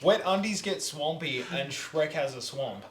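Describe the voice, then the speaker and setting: A man's voice: a little high, expressive, a little slow, a loud crowd. Jokey man in a roomy room. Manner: jokey, rambling, laughs often. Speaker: podcast co-host. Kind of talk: casual chat. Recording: roomy echo.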